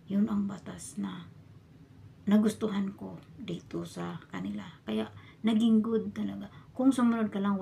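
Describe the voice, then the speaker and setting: A woman from the Philippines talks to her viewers in a casual storytelling vlog, recorded in a bedroom. Her voice is deeply gravelly with constant fry, and her tone stays dark and mellow. She keeps sinking into a soft, hushed whisper. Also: a little hiss or hum. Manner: often drops into a hushed whisper. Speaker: vlogger and domestic worker abroad. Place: a bedroom in her employer's home.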